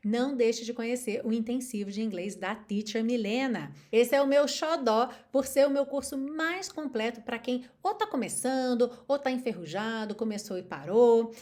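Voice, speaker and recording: A lively Brazilian woman in her thirties leads an online English lesson in a slightly high voice. She explains with an expressive, animated manner and breaks into sung lines to demonstrate pronunciation. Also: normal speed, hardly any pauses. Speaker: English teacher.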